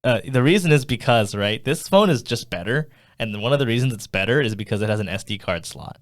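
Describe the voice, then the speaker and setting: A young man co-hosts a podcast from a small studio, rambling casually with plenty of fillers and laughter. His voice sits in the mid range, with lively intonation and a slightly fast pace. He's recorded on a studio condenser mic.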